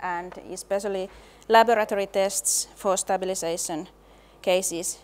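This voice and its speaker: A middle-aged woman giving a conference presentation in a measured way, pausing often to hesitate. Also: medium pitch, steady tone, a little hiss or hum. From Finland. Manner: slow, measured, with frequent hesitations. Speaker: laboratory and design specialist, presenter.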